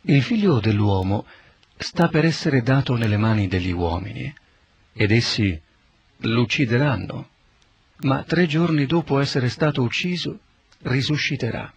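A man reading the words of Jesus as a calm, authoritative teacher in a scripted Bible reading, solemn and measured. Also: mid-range voice, husky, no room sound. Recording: dull lo-fi recording.

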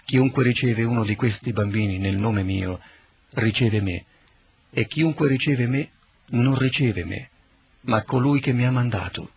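A man reading the words of Jesus as a calm, authoritative teacher in a scripted Bible reading, solemn and measured. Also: mid-range voice, slightly rough, no echo. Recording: dull lo-fi recording.

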